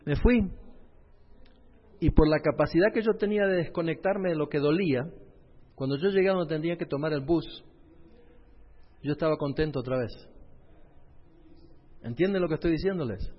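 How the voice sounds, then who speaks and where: Man, pastor telling his story, slightly high voice, long hall reverb, dull lo-fi sound. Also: normal speed, long pauses. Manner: storytelling, addresses the audience directly. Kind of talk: personal testimony in a sermon.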